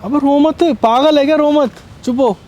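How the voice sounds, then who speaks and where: A man's voice: extremely high pitch, moderate pace, darkish tone, slight background noise. A young man in a casual prank conversation, teasing and persistently coaxing his friend.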